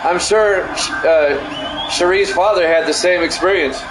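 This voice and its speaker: Calling a simulated football game, the middle-aged announcer and stream host keeps a somewhat high voice even and matter-of-fact, tossing in offhand remarks. Music plays in the background of the echoey, noisy home recording.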